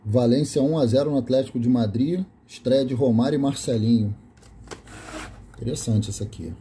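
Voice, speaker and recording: A man's voice: medium pitch, fairly quick, mellow, slight background noise. A Brazilian man filming his VHS tape collection indoors and reading the labels aloud in a casual, list-like way, correcting himself as he goes. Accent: Brazilian Portuguese. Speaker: video host showing a collection of VHS tapes. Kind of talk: casual off-camera commentary. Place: small room indoors.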